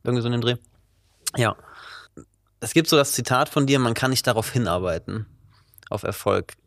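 A man's voice: mid-range voice, brisk, creaky, a bit bright, no echo, studio quality. A man interviewing a musician, asking curious questions in a casual conversational way.

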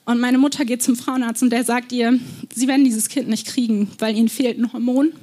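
A young woman giving an earnest sermon, telling personal stories and often pausing on fillers. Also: a little high, fairly even intonation, dark tone. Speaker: preacher.

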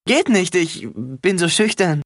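A man's voice: high voice, animated, takes it slowly, full character voice. An actor voicing a young male wannabe pirate from a game, cheeky and sarcastic, delivering dry quips in dubbed dialogue.

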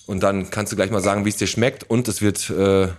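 A man hosting a casual chat, joking and firing off quick questions. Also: fairly low pitch, level tone, background noise. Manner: joking, loose, asks many quick questions. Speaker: podcast host.

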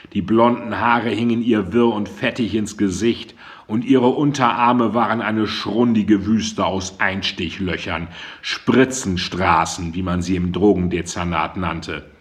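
Low-voiced male audiobook narrator. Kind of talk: scripted narration.

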